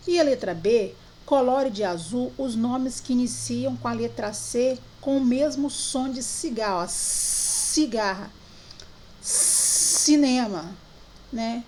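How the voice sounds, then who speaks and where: A woman teacher from Brazil, guiding young children through worksheets in a remote lesson, slowly drawing out syllables and words. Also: a little high, mellow, slight background noise. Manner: slow, drawn-out syllables for children.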